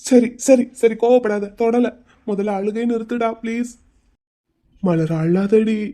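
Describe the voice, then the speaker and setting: A woman's voice: on the high side, steady tone, measured pace, dark tone, natural voice. A woman voicing a pleading anxious husband. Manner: pleading, coaxing. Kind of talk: cartoon drama voice acting.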